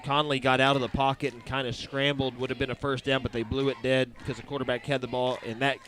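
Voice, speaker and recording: At an outdoor stadium, a man calls a high school football game play-by-play, briskly narrating each snap and slipping in sponsor reads. His tone is level and a bit bright, with slight background noise.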